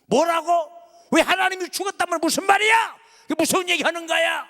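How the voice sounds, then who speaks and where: A preacher acting out a startled, shouting reformer. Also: male voice, steady tone, a little fast, gravelly. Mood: alarmed. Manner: cries out in high startled questions. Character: distraught male church reformer, alarmed then repentant. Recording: long hall reverb.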